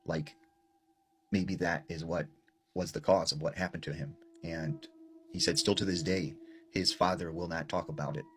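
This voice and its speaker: Low-voiced man telling a scary story. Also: normal speed. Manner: relaxed, rambling with many "like" fillers, dropping low and quiet for tense moments. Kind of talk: casual retelling of a scary story.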